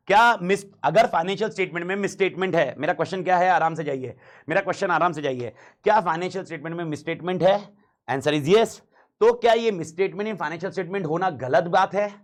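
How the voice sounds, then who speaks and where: A man teaching an audit class in Hindi with an Indian accent, slightly hoarse, emphatic and repeating key phrases over and over. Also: high voice. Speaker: audit lecturer. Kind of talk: classroom lecture.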